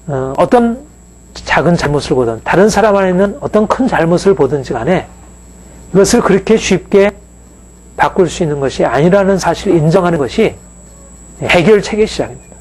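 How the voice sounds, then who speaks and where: Higher-voiced male pastor preaching. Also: expressive, brisk, darkish tone, poor audio. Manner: conversational preaching with frequent fillers and rhetorical questions. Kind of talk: sermon.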